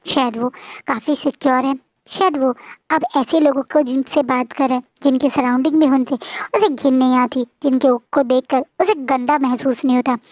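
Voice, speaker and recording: A woman's voice: sits high, steady tone, normal speed, darkish tone. A woman retelling a fan fiction story in a chatty, casual way, often restarting her words.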